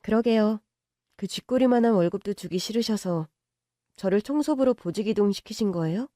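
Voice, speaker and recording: A young woman reading a scripted story, calm, polite and quietly defiant. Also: medium pitch, normal speed, no room sound, clean studio sound. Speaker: story narrator. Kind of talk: scripted story-radio narration and dialogue.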